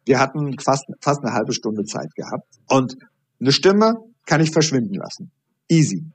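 Husky-voiced male coach, dry sound. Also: mid-range voice, moderate pace, no echo. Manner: animated storytelling, acting out dialogue. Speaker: high performance coach. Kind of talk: podcast interview guest.

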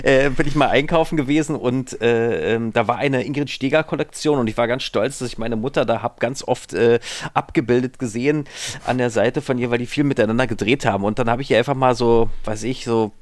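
A man's voice: mid-range voice, a little fast, dry recording. A man from Berlin, a podcast guest, telling stories from his bed in a rambling, hesitant casual chat full of fillers. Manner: rambling, digressive, with many hesitations.

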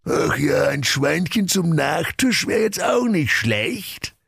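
A man voicing a hungry big bad wolf in a comic storybook reading, with a rasping, shouting voice. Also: on the high side, very animated, slow pace, no room sound, clean studio sound, pitched above the performer's own voice, full character voice.

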